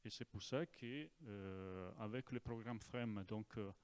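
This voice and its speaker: An Italian man giving an informal presentation in broken French with an Italian accent, halting and repeating words as he goes. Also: on the low side, darkish tone, clean tone. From Italy. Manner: broken, non-native French with grammar slips. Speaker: naval officer giving a presentation.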